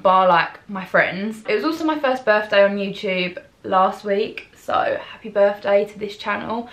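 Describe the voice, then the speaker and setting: A woman's voice: mid-range voice, fairly bright tone. A young woman chatting through her makeup routine in a rambling vlog, full of ums and likes, recorded at home on a camera mic. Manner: rambling, filler-heavy, many ums and likes. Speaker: beauty vlogger. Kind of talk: chatty get-ready-with-me vlog. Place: at home, in front of a mirror.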